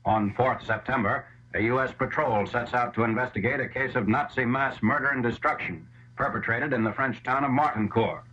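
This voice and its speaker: A man narrating an old wartime newsreel in crisp, clipped announcing phrases. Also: mid-range voice, brisk, a bit bright. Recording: dull lo-fi 1940s newsreel soundtrack with faint hiss.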